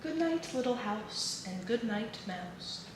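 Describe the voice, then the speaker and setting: A woman reading children's picture books and poems aloud in an expressive, sing-song way. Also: on the high side, slow. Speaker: children's book reader. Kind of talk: read-aloud storytelling for children. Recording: echoey room with clear background noise.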